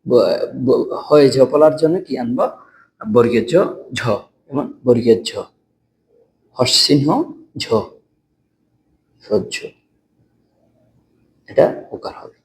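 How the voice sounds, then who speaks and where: A man teaching a spoken lesson on pronunciation rules, halting and repeating words slowly as if for dictation. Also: medium pitch, a little mellow, slight background noise, low-quality recording.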